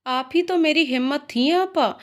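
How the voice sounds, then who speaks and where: A woman voicing a young man who grieves his elder sister, speaking tearfully and pleading in her own high voice. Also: a little slow. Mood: grieving.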